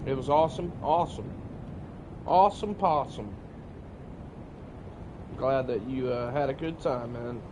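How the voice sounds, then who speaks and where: A man's voice: medium pitch, fairly even intonation, brisk, hardly any pauses, noisy background. A man streaming a survival game, chatting casually with viewers, swearing freely as he plays. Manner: laid-back, swears freely, greets and answers chat viewers. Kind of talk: casual live-stream chat while playing. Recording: loud game sound under the voice.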